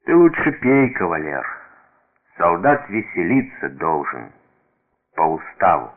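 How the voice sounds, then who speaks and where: A man's voice: low-pitched, sing-song, unhurried, exaggerated voice. Brief: man playing a scoffing middle-aged peasant, dry and sly, tinny radio sound. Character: mocking middle-aged male peasant hut owner.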